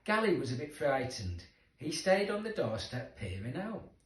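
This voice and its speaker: A man reads a children's story aloud in a slightly high, sing-song voice at a moderate pace, adding dramatic emphasis for young listeners. The distant microphone gives a roomy echo.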